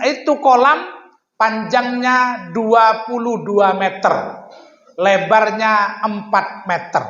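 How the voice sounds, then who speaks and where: A man's voice: sits high, fairly bright tone. A middle-aged man with a manner, telling stories and asking students rhetorical questions in an informal lecture. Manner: chatty storytelling with rhetorical questions. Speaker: pesantren leader giving a public lecture. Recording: echoey hall, dull lo-fi.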